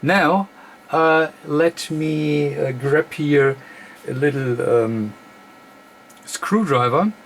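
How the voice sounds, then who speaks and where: Speaking English as a second language, this electronics repair host talks slowly and hesitantly, breaking his phrasing into short chunks. He's doing an unscripted hands-on demonstration at an indoor workbench with slight background noise. His pitch runs fairly high.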